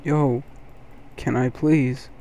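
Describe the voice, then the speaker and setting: A man's voice: mid-range voice, flat delivery, very slow, mellow. A man commentating his own gameplay, keeping his voice down late at night and sounding sleepy. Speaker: gaming video host.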